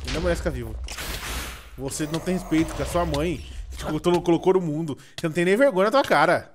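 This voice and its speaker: A man's voice: a little high, lively intonation, quick pace, noisy background. A man chatting casually over a game, teasing and playfully bossy. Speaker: gameplay co-host. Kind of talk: casual gaming chat.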